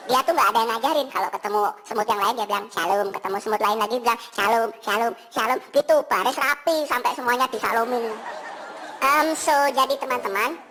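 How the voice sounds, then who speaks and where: A woman's voice: on the high side, noisy background, close to an everyday voice. A woman voicing a cheeky, reformed male cat who tells a children's Sunday school story in a playful, sing-song way with sound effects. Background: music.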